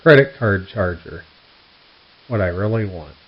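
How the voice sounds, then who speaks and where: A man's voice: fairly low pitch, animated, unhurried. A man reading out puns and telling dad jokes, setting each one up and then giving the punchline. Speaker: host of a joke newsletter read aloud. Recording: dull, lo-fi sound.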